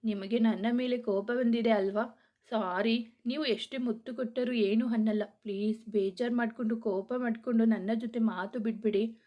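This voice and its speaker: A woman's voice: fairly high pitch, fairly even intonation, normal speed, close to an everyday voice. A woman playing a tearful pleading young girlfriend. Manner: pleading, apologetic. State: tearful, sobbing. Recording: dull lo-fi audio.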